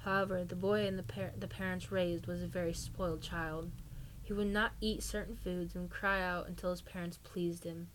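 A woman's voice: on the low side, level tone, moderate pace, slight background noise, low-quality recording. A woman podcast host chatting casually and reading a spooky story aloud.

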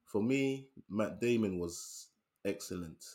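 A British man co-hosting a film podcast, chatting casually and animatedly, laughing often and dropping to a low murmur. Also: animated, slow, dark tone. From United Kingdom. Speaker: podcast co-host. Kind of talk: casual film review chat.

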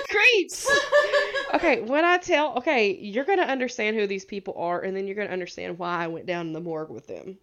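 A woman's voice: medium pitch, expressive, fast, hardly any pauses, lo-fi sound. Young Southern woman, giggly rambling storyteller. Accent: Southern American. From American South. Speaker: podcast co-host. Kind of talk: casual chat.

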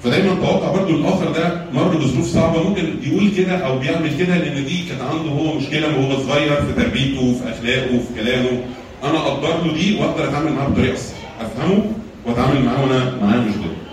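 A man's voice: medium pitch, racing, slight background noise. A man with an Egyptian Arabic accent giving a church talk on anger management with slides. He teaches with rhetorical questions and repeated phrases. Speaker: church lecturer. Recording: very echoey room, mic far off.

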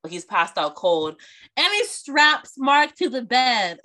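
A woman co-hosting a casual book podcast, animated and laughing often as she discusses chapters. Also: high voice, slow. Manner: animated, laughing, swearing freely.

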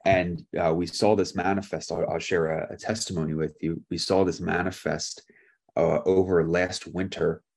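Low, husky male pastor telling stories in a loose, conversational sermon. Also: flat delivery, normal speed, darkish tone. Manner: casual and conversational, with frequent "like" and restarts. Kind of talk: sermon with personal storytelling.

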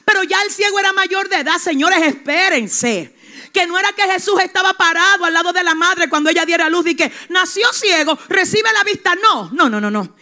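Woman pastor, fervent sermon, high bright voice, hushed to shouting, addresses the congregation. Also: lively intonation, moderate pace. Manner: impassioned, swings from hushed to shouting; calls out to the congregation directly.

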